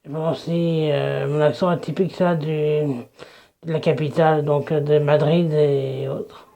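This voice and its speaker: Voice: medium pitch, fairly even intonation, unhurried, creaky, mellow. A video creator giving a casual, rambling self-introduction to viewers as a DJ persona, often restarting sentences.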